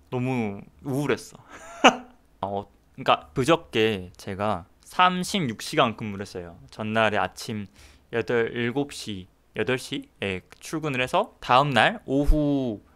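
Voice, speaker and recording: A man's voice: mid-range voice, animated, measured pace, a bit bright. A young man chatting casually on a stream, joking and teasing, acting out quoted voices. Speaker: doctor vlogger streaming. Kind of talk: casual livestream chat.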